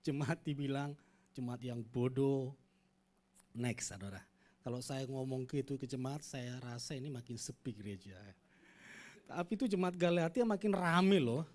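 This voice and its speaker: A man preaching a Sunday church sermon, his voice sitting at an ordinary middle pitch. He talks to the congregation in a loose, conversational way and coaxes them into reading aloud. Then he leans hard into his points with strong emphasis. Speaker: pastor.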